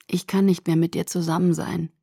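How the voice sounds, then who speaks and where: A woman voicing a brooding, pained young man who pushes a friend away, speaking low and subdued, almost murmured. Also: little pitch movement, fairly quick, creaky, warm tone, breathy edge, no echo, clean studio sound. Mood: cold, pained.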